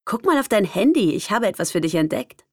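A woman's voice: mid-range voice, big pitch swings, fairly quick, darkish tone, dry recording, clean studio sound. A woman voicing a playful young male friend in an audiobook. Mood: teasing. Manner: playful, teasing.

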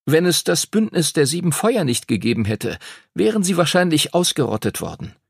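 A man's voice: on the high side, big pitch swings, fairly quick, vocal fry, breathy edge, dry recording, studio quality, pitched above the performer's own voice, full character voice. A man voicing a know-it-all young boy pupil who explains things eagerly. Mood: explaining.

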